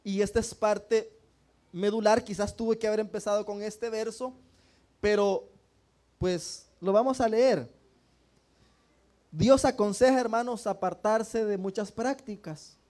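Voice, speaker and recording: Male preacher, high pitch, call-and-response sermon style in church. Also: fairly even intonation, slow, long pauses, a little mellow. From El Salvador. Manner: asks the congregation rhetorical questions and often calls them brothers.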